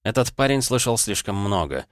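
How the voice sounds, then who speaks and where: A man reading a fantasy novel aloud as an audiobook narrator, calm and even. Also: fairly low pitch, brisk, no echo, clean studio sound. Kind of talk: scripted narration.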